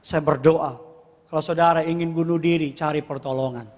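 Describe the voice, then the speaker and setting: A man preaching a sermon as pastor, animated and rising to emphatic high peaks. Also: moderate pace. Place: church hall. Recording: echoey church hall with long reverb.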